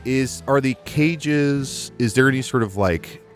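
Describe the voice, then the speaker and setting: A man's voice: medium pitch, measured pace, soft background music. A man playing a tabletop role-playing game, hesitant and full of restarts as he describes his character. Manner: hesitant, lots of restarts and filler. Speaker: player. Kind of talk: tabletop role-play banter.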